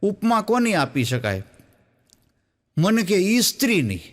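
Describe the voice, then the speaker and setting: High voiced guy doing folk stand-up, acts out everyone in his jokes, quick asides to the crowd. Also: very animated. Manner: storytelling in quoted voices, with the audience laughing along. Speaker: stand-up comedian. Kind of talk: Gujarati folk comedy storytelling on stage.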